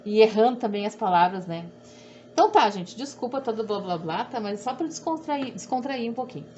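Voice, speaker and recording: A woman's voice: a little high, lively intonation, a little fast, dark tone. A middle-aged woman with a southern Brazilian accent, rambling and repeating herself in a chatty sewing tutorial. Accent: southern Brazilian Portuguese. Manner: rambling, repetitive, self-deprecating. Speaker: sewing instructor. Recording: dull audio with faint background hum.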